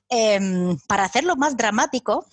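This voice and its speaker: A woman's voice: on the high side, no room sound. A woman in her thirties from Latvia, speaking Spanish with a Latvian accent as a podcast co-host, chatting casually, laughing often and restarting words as she searches for them. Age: 30s.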